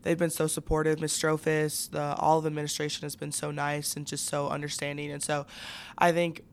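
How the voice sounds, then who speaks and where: In a relaxed interview, a student athlete guest, a woman in her late teens, talks with a low voice at a slightly quick pace. There's clear fry in her tone, though it stays clean and resonant over a fairly flat delivery, and her speech is youthful and full of fillers.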